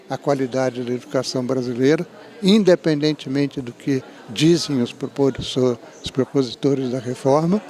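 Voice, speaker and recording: A middle-aged education professor with a Brazilian Portuguese accent gives an interview of spoken analysis, using measured academic phrasing, frequent restarts and "né?" tags. His voice is a little high and a little mellow.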